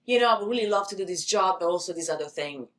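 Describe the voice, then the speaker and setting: A woman from Italy with an Italian accent, a guest telling lively stories and acting out what people said, laughing often. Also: lowish voice, fast talker. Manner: animated, acts out quoted dialogue, laughs often. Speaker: guest, actress and model. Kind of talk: casual interview storytelling. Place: podcast studio. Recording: roomy echo.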